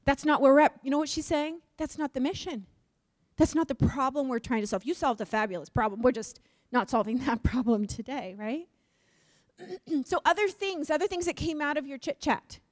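High-voiced woman giving a lively conference talk. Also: moderate pace, no room sound, studio quality. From Utah. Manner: lively, questions the audience, jokes. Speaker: conference speaker.

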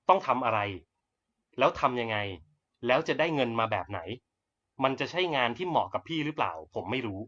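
Blunt, crude man pitching on a live stream. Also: fairly bright tone, highs cut off. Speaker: network marketing presenter.

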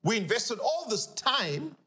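A middle-aged man, a pastor, teaching scripture on a talk show in an animated, emphatic way, repeating key phrases. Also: very high-pitched, slow. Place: living-room studio set, indoors.

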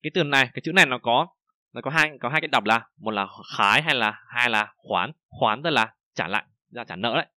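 A man with a Vietnamese accent teaching a language lesson, reading example sentences slowly and then explaining them in a casual, chatty way. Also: mid-range voice, animated, sharp tone, no echo, studio quality. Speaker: Chinese teacher.

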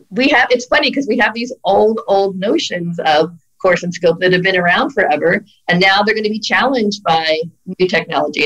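Speaking over a video call webcam in a brick-walled office, a middle-aged woman employment lawyer gives sincere, forceful advice in a relaxed chat. Her voice sits on the low side and is slightly bright, and the recording quality is poor.

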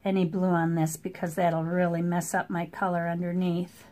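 A middle-aged woman, a watercolor artist, chatting in a relaxed way as she paints at a table indoors, picked up by an overhead camera mic. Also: fairly low pitch, moderate pace. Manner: relaxed, chatty running commentary. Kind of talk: thinking aloud while painting.

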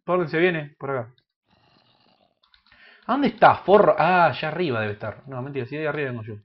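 A man with an Argentine Spanish accent giving crude, joking gameplay commentary that bursts into loud shouts. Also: a little high, brisk, dull audio. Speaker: gaming youtuber.

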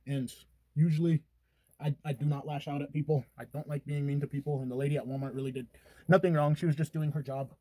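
Mellow-voiced young man, teasing chat. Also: a little high, steady tone, quick pace, dry recording. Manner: playful, teasing, narrating his steps. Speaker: boyfriend doing makeup on camera. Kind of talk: casual chat while doing makeup.

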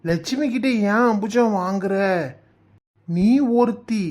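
A woman voicing a patient, middle-aged village husband and father who tries to calm his wife in an animated comedy. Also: medium pitch, slow. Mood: placating. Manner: soothing, pleading.

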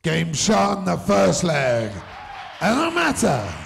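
A man working as a darts score caller, announcing match scores in a drawn-out, projected delivery. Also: high-pitched, huge pitch swings, gravelly, some chatter behind, a little hiss or hum. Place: indoor tournament hall with seated audience.

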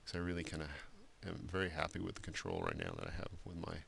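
A man giving a screen-recorded software drawing tutorial, talking loosely with many fillers and restarts. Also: low voice, very animated, fast, vocal fry, a little hiss or hum. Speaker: art instructor.

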